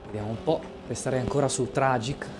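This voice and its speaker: A man's voice: mid-range voice, fairly even intonation, fast, background noise. A man giving casual live sim racing commentary as a streamer, hesitating and repeating words as he goes. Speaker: esports race commentator and streamer.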